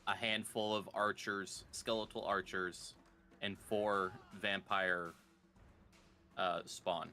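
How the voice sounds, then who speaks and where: A man narrating a tabletop game as game master, describing scenes slowly. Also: sits low, level tone, sharp tone, soft background music.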